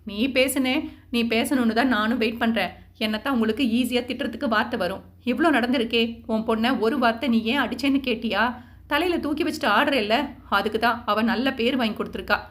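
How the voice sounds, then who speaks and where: Lady putting on a nasty gossipy aunt, fast mocking talk, story voice. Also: fairly high pitch, a bit bright, close to an everyday voice. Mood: spiteful. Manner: taunting, rapid. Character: spiteful sharp-tongued middle-aged aunt.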